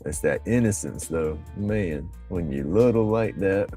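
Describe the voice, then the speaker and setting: An older man talks in a low, mellow voice, rambling folksily and laughing often. Soft music plays faintly behind him on a casual livestream. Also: lively intonation, measured pace, low-quality recording. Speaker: livestream host. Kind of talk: casual chat.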